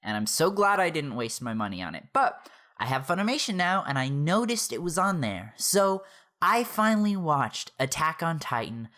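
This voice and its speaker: A young woman in her twenties ranting a movie review straight to camera, exasperated, breaking into laughter and yelling between calmer stretches. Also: low voice, moderate pace. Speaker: YouTube reviewer. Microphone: camera mic, facing the camera.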